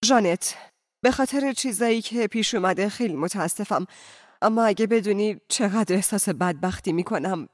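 The narrator lends voice to a tired middle-aged housewife and mother in a storybook reading, halting and apologetic as she pleads. The words come out close and dry, with an unhappy, anxious edge. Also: medium pitch, dry recording, natural voice. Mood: pleading. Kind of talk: audiobook character voice.

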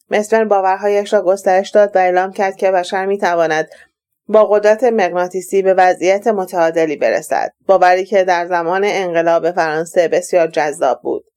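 A woman narrating an audiobook in a steady, even reading voice. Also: medium pitch, clean tone. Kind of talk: scripted narration.

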